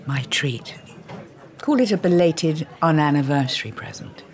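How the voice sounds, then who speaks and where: A woman playing a teasing, sharp-witted older wife in a radio comedy drama. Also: low-pitched, animated, unhurried, soft background music. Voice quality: tart, teasing wit. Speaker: the actor's wife.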